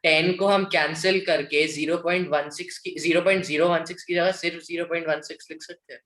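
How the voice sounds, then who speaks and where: A male student asks his teacher polite questions and calls him sir at nearly every turn. His voice sits slightly high. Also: fairly even intonation, quick pace, fairly bright tone, rough recording.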